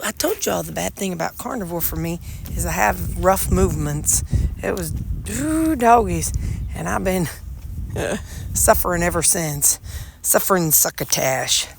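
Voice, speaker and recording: Pulling weeds beside a gravel bed and sidewalk, this chatty woman from Missouri, United States, talks casually to the camera on her handheld phone. Her medium-pitched voice is gravelly and slightly nasal, with lively intonation and an unhurried pace, and she rambles with frequent restarts amid background noise.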